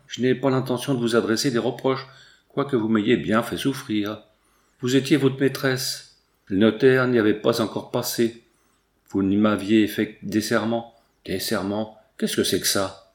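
A man's voice: medium pitch, normal speed, lightly acted. A man voicing a jilted young peasant who speaks bitterly and sarcastically, with blunt rustic turns of phrase, in a storybook reading. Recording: roomy echo.

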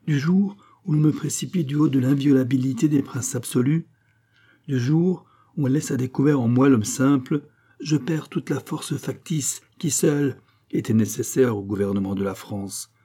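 Dark, calm, resigned king, read by a man. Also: mid-range voice, moderate pace, breathy edge, close to an everyday voice. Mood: weary calm. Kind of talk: audiobook character reading.

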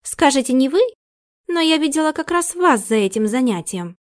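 Woman reading a sharp-tongued young actress. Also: high voice, lively intonation, normal speed, dry recording, clean studio sound, voice pushed up. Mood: accusing. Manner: accusing, insistent.

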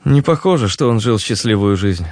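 A man's voice: lowish voice, animated, moderate pace, darkish tone, no room sound, pitched above the performer's own voice. A man voicing a blind young man who speaks in a curt, exasperated way, for an audiobook. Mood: irritable.

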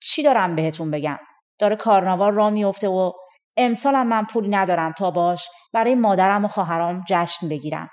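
A woman's voice: medium pitch, darkish tone, natural voice. A woman voicing a poor young farmhand boy in a folk tale, earnest and plaintive. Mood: glum.

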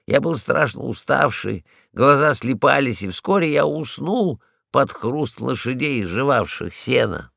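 A man narrates a storybook slowly and expressively. His voice is gravelly and moves lively in pitch. The sound is dry and close. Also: dry recording. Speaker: reader. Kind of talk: audiobook narration.

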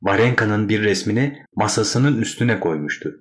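A man narrating a classic short story in a measured, wry storytelling manner. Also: lowish voice, animated.

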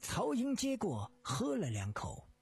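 A storyteller narrating a detective tale in measured phrasing for radio. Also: mid-range voice, huge pitch swings, creaky, breathy edge.

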